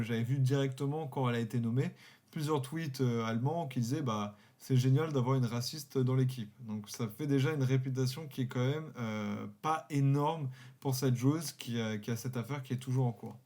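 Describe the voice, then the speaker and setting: A man's voice: mid-range voice, a little mellow. Guy chatting on a football podcast, explains stuff in long loose sentences. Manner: chatty, explains at length, jokes lightly. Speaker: podcast co-host. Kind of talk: casual sports podcast talk.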